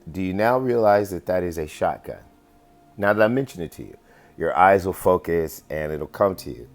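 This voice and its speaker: Over a casual screen-share with soft music in the background, an amateur investigator with a low voice presents his findings to viewers at a normal speed. He's animated but rambling, packed with fillers, and keeps asking "right?".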